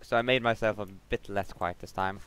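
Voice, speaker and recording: A man's voice: on the low side, fairly quick, a bit bright, clean tone. A man with a Swedish accent in casual livestream banter, hesitant and stammering in a playful way. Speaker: role-play player.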